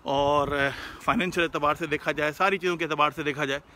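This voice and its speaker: This fairly high-pitched man speaks a little fast, his even, pushed, bright voice carrying some hiss or hum. He's a Pakistani Urdu-accented host taking viewer questions on a casual live stream, driving past shops outdoors, earnest and relaxed, slipping English words in.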